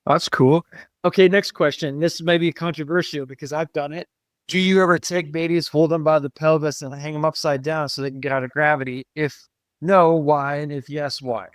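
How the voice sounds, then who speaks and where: A man's voice: a little high, fairly even intonation, normal speed, clear, resonant tone, dry recording, studio quality. A man hosting a podcast interview, asking curious, clarifying questions and affirming the answers. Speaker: podcast host.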